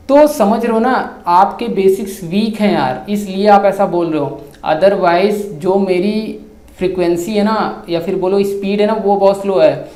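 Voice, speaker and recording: A man's voice: sits high, warm tone. A man, a YouTuber, talking casually to his viewers and answering their comments, mixing Hindi and English and keeping up a stream of yaar and bhai. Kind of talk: casual talk to camera. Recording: echoey room.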